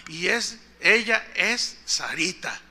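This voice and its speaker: A Mexican-accented pastor preaching with a high, piercingly bright voice. He tells stories and throws questions at the congregation. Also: big pitch swings, takes it slowly. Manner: storytelling, asks the congregation questions. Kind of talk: sermon.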